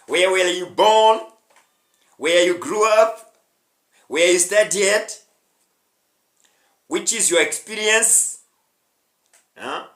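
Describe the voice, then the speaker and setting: Teaching spoken English, a young man from Rwanda speaks with his native accent, stressing points emphatically and checking in with "huh?" and "hmm?". His high, animated, slightly bright voice moves very slowly with long pauses, and the audio is reverberant.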